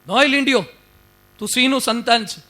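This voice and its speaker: A man's voice: very high voice, brisk, sharp tone. A man voicing a stern adult male lion who orders a young cub around and insists on the cub's true nature. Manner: stern, commanding.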